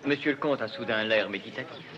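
An actor playing a loyal, deferential manservant to a count. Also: male voice, medium pitch, natural voice. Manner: deferential, quick. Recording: dull old film soundtrack with loud music.

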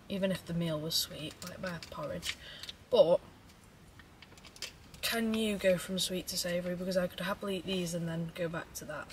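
A young woman talking fast and rambling through a mukbang vlog, chatting between bites of food. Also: fairly low pitch, fairly bright tone, a little hiss or hum. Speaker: vlogger.

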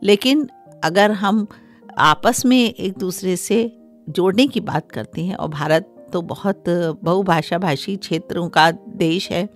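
A middle-aged woman, a Hindi scholar appearing as a guest on a radio interview, explains things formally in a lowish voice, pausing between phrases. She speaks into a close studio microphone on a desk stand in a small, acoustically treated studio, with faint music behind her.

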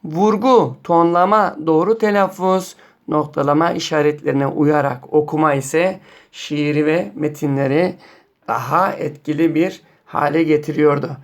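A man teaching a primary school lesson on poetry, reading poems slowly and quizzing pupils by name. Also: on the high side. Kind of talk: classroom lesson.

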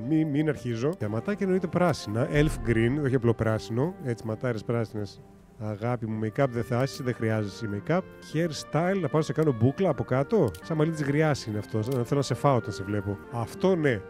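A man's voice: mid-range voice, darkish tone. A man streaming a game, chatting casually as he thinks aloud, running through options and cracking jokes. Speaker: gaming streamer. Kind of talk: casual let's-play commentary.

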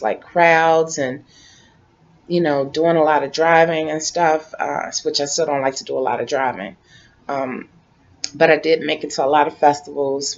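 Sitting on the couch in her living room, a woman in her late forties talks to her camera in a relaxed, rambling way, going over the same points more than once. Her voice sits low, and the webcam mic gives dull, lo-fi sound.

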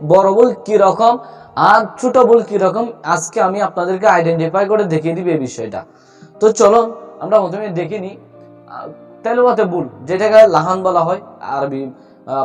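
A man teaching correct Quran recitation, explaining slowly and repeating letter sounds as a drill. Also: high voice. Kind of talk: spoken tutorial.

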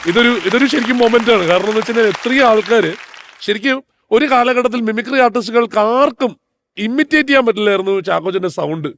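High, gravelly-voiced enthusiastic male host. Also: fast talker, fairly bright tone, some chatter behind. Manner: enthusiastic, rambling, mixes in English words. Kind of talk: casual chat on a stage show.

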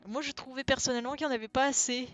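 A woman streamer reading a storybook aloud and chatting casually with viewers, relaxed and thinking aloud with many fillers. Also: high voice, rapid-fire, highs cut off. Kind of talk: casual live-stream chat and read-aloud. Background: faint background music.

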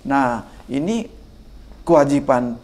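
A man's voice: medium pitch, slow. An older man, a guest expert on political communication in a podcast interview, talking emphatically and often addressing the host respectfully. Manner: emphatic, animated, sprinkles "Pak" often.

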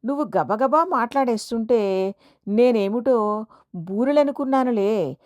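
A woman's voice: a little high, animated, darkish tone, no echo, studio quality. A woman voicing a playful young husband who teases his wife with mock-innocent replies in an audio story. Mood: teasing. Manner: mock-innocent, deliberately mishearing.

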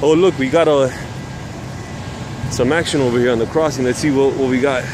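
Street traffic rumbles behind a vlogger on a handheld camera mic as he strolls through the city at sunset looking at old rail sites. He talks a little fast in a steady, medium-pitched voice, wandering in his commentary and often starting over.

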